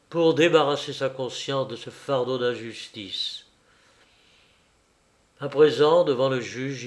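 Slow, dramatic male audiobook narrator. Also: medium pitch. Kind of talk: reading a classic novel aloud.

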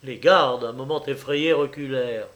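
A man narrating a story as an audiobook in a measured way. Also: medium pitch, fairly bright tone. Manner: slow, measured reading.

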